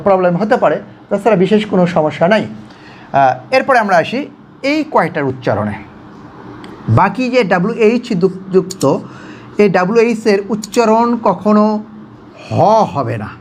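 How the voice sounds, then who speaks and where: A woman teaching English pronunciation in a video lesson, explaining patiently and repeating each model word slowly so viewers can copy it. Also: mid-range voice, big pitch swings, a little hiss or hum.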